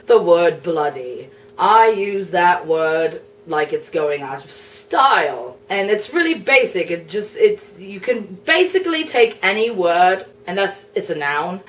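A woman's voice: fairly low pitch, recorded from a distance. England as a chatty young nation, played by a woman. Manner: chatty, explanatory, a bit flustered, laughs often. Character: England, a personified young male nation, blunt and prickly. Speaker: cosplayer answering viewer questions. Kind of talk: in-character cosplay Q&A.

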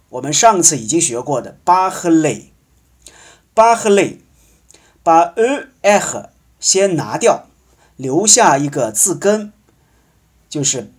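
A man teaching a French lesson, explaining patiently and slowly drawing out example words. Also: fairly high pitch, breathy edge. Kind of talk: language lesson.

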